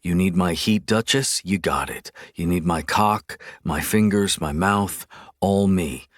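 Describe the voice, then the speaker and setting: This is a domineering, possessive husband from an audiobook romance, read by a man. The voice sits very low and lays down firm, clipped declarations as if nothing is up for debate. The sound is dry and close to the mic. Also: a little slow, no room sound. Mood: commanding. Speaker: audiobook narrator voicing male characters. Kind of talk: audiobook character reading.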